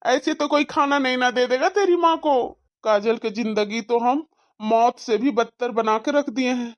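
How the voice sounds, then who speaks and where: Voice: mid-range voice, moderate pace, close to an everyday voice. A voice actor playing a helpless father with broken legs in a cartoon story, lamenting and comforting his hungry children. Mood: soothing. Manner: lamenting, mournful. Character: crippled father, helpless and despairing. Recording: dull, muffled lo-fi sound.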